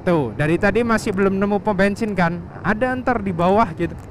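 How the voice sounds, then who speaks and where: A man from Surabaya, Indonesia, with a high voice and a slightly fast delivery, chats casually as a motovlogger while riding a motorbike along a village road. He talks informally and slangily, refers to himself by name, and the recording picks up engine, wind, road noise and passing traffic.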